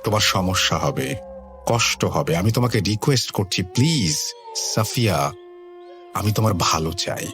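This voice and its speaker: A man voicing a worried young man pleading low. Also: steady tone, moderate pace, fairly bright tone, soft background music.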